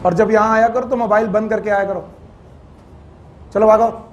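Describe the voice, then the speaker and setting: A man's voice: high-pitched, steady tone, moderate pace, dull audio. A man teaching biology to a class in Hindi with a Purvanchal accent, quizzing students and scolding them, dropping in English terms. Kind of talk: classroom lecture.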